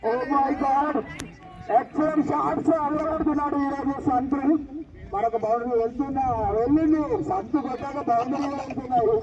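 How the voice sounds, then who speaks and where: A man giving excited, exclamatory live commentary on a village cricket match, outdoors at the ground. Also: very high-pitched, normal speed, a crowd in the background. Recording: muffled, distant outdoor recording with loud noise.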